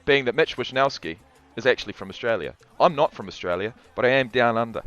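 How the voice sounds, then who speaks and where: Chatty bright-voiced New Zealand man streaming. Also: mid-range voice, animated, quick pace, dull audio, faint music behind. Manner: rambling, chatty, restarts often. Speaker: livestream commentator. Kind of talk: casual play-by-play and chat reading.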